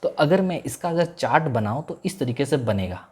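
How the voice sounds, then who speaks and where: A male law lecturer, teaching in a classroom style. He keeps asking his listeners to repeat the key terms and stretches out English legal phrases slowly. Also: mid-range voice, expressive, a little mellow, breathy edge. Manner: repeats key terms as call-and-response questions.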